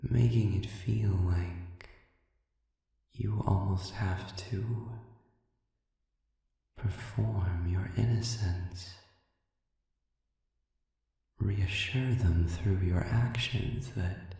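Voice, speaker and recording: Speaking as a smug, philosophical demon who is sadistic and manipulative, a man gives a dramatic audio roleplay monologue in a low, gravelly, mellow voice, fully in character. His delivery is silky and insinuating, a slow murmur full of pauses, heard through heavy reverb with a distant, cavernous sound.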